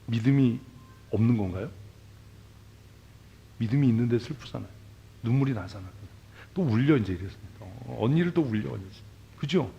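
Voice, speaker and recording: A man preaching to his congregation in a church, with a mid-range voice that rises and falls expressively. He talks bluntly and casually, throwing questions at the listeners and jumping between loud emphasis and soft asides. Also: medium pitch, expressive, normal speed, creaky, long pauses, highs cut off. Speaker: pastor. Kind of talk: sermon. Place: church sanctuary.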